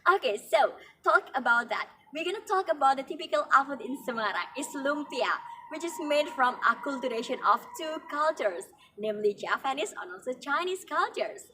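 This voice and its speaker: Young female tour guide, Indonesian accent, higher voice, halting delivery, recorded at a distance with some faint noise. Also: expressive, bright, forceful tone. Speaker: tour guide in a student role play.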